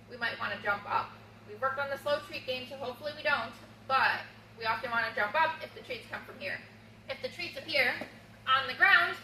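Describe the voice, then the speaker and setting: Bright-voiced woman teaching dog training. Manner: upbeat, instructive, bursts into high-pitched baby talk for the dog. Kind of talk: training demonstration. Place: room in a home. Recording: roomy, distant camera sound, faint room noise.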